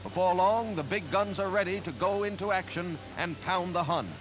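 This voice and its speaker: A man's voice: sits high, normal speed, poor audio. A man narrating wartime footage in solemn, emphatic 1940s newsreel style, with old newsreel sound. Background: music.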